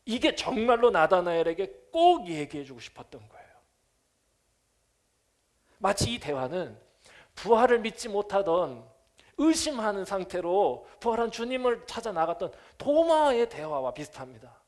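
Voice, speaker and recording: Animated, high-voiced male pastor preaching. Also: normal speed. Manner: animated, chuckles often, acts out quotes. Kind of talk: Sunday sermon. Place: church.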